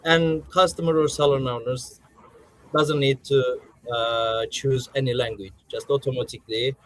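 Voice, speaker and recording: A man from Turkey speaks English as a second language with a clear Turkish accent. He answers a panel's questions on a remote call, eager and halting, stacking fillers and false starts. His pitch sits in the middle range for a man. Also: fairly even intonation, low-quality recording. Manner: halting non-native English, many restarts and fillers, eager. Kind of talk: live Q&A answers. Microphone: video call.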